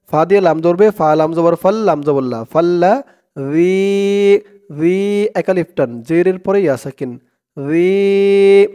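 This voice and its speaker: A man teaching Quran reading step by step, drawing out each recited word slowly and then dropping into quicker, quieter spoken explanations. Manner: slow drawn-out recitation alternating with quick low spoken explanations.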